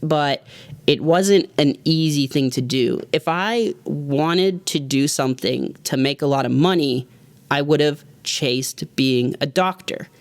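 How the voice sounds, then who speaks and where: In a reflective motivational vlog, a man in his thirties who works as a music producer rambles loosely but sincerely to his viewers. He speaks slowly in a fairly high voice, and there's no echo.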